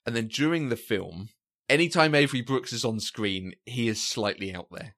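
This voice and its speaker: A man's voice: medium pitch, moderate pace. Guy on a podcast, rambling casual chat, lots of ums and restarts. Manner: chatty, animated storytelling with frequent fillers and restarts. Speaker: podcast co-host.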